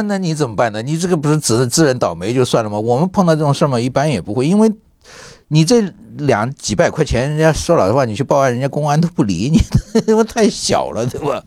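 A man's voice: mid-range voice, dry recording, studio quality. A middle-aged man, a film professor, telling colloquial anecdotes as an interview guest and often asking his listener to agree. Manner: lively, acts out quoted voices; colloquial, many fillers and tag questions. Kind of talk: anecdotal storytelling.

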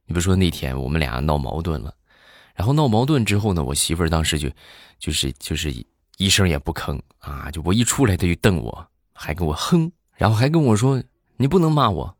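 Deep-voiced man telling comic stories. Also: very animated, no room sound, clean studio sound. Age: adult, married. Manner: chatty, drawn-out filler particles, acts out voices. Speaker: comedian. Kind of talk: comic storytelling monologue.

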